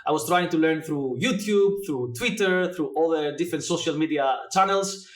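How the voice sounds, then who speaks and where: Recorded in an echoey room, a man in his forties, originally from Greece, talks about his background while being interviewed as a blockchain educator. He sounds thoughtful, his slightly high male voice broken up by frequent filler pauses as he works through his answers.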